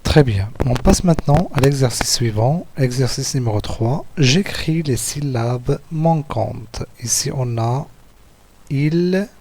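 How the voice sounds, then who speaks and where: Slow, patient male French teacher. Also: mid-range voice, animated, a little mellow, slight background noise. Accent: Algerian French. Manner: deliberate, repeats words and syllables slowly. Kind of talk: slow, patient lesson walkthrough.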